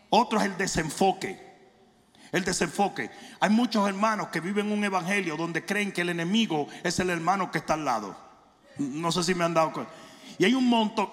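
A man preaching a challenging, confrontational sermon with humor, shouting for emphasis and slowing on key phrases, with English phrases mixed in. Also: sits high. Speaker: pastor. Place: large church hall. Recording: long hall reverb.

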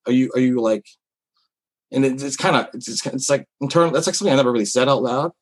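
A man with a slightly husky, breathy voice talks through his experiences in comedy. He rambles candidly, stacking up fillers and restarts as he thinks aloud. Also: mid-range voice, fast, poor audio. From Philippines heritage. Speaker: comedian guest. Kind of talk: casual interview talk.

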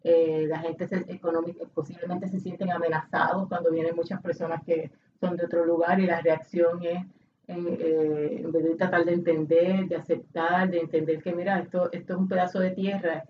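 A woman's voice: lowish voice, little pitch movement, moderate pace. A woman with a Puerto Rican Spanish accent, co-hosting a casual conversation, thoughtful and often restarting her sentences. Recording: dull audio from a distance with faint noise.

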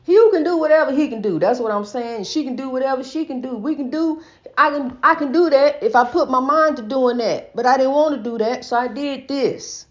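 Brisk and high-pitched, a woman hosts a casual inspirational preaching monologue in a folksy style. She says she stutters, repeats herself, and calls the listener honey. The recording sounds dull and lo-fi.

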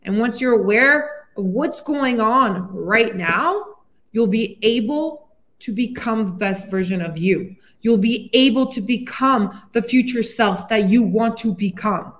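A woman with a high voice gives a solo motivational podcast talk. She coaches in an upbeat, encouraging tone and addresses the listener directly. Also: animated, measured pace. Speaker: weight loss coach and podcast host.

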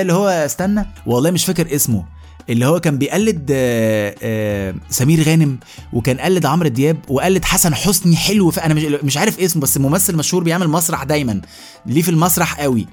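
A man with an Egyptian Arabic accent delivering a comedic monologue as a podcast host, rapid and animated, often mimicking other people. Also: a little high.

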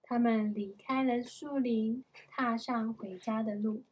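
Breathy mother reading a bedtime story. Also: a little high, steady tone, takes it slowly, darkish tone. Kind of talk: reading a storybook aloud to a child.

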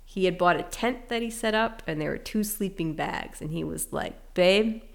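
A woman with a low, gravelly voice talks as an interview guest, candid and reflective. She laughs easily between thoughts and speaks plainly about hard times. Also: normal speed. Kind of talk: casual emotional interview.

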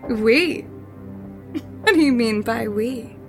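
In an audio horror drama, a woman plays a seductive, playfully cruel female spirit, teasing and sinister, scornful and commanding, sometimes dropping toward a whisper. Her fairly high voice takes its time over soft background music.

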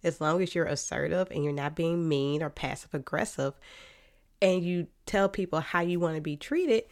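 A woman's voice: sits low, normal speed, a little mellow. An American woman with a slightly nasal, stuffed-up sinus voice, giving casual, direct advice as a podcast host and therapist. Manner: informal, direct, folksy turns of phrase.

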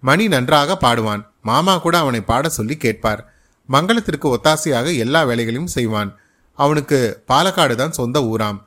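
A man narrating a short story as a podcast storyteller, in a steady, measured reading. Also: medium pitch.

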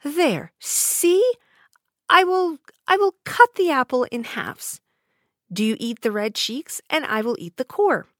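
A woman voicing a wicked old queen disguised as a crone, shrill and gloating, in a dry recording. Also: expressive, slow pace, fairly bright tone, no echo, heavily acted.

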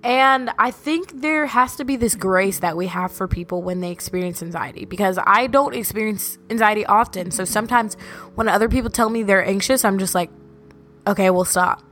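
Delivering a casual storytelling monologue as a podcast host, this young woman speaks briskly in a medium pitch with a fairly bright tone. Her valley-girl speech is packed with "like" as she recounts personal stories.

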